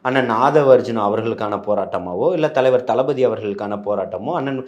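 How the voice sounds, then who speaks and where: A man from answering questions as a party spokesman in a heated interview, combative and full of rhetorical questions that build into impassioned shouting. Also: lowish voice, fairly quick, echoey room, lo-fi sound.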